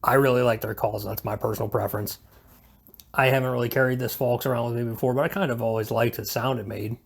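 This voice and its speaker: A man's voice: mid-range voice, fairly even intonation, fast talker, gravelly, slight background noise. A man giving a casual, unscripted how-to in a hesitant, self-deprecating, laid-back way, rambling as he goes. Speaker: video presenter giving a hobby how-to. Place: indoors at home.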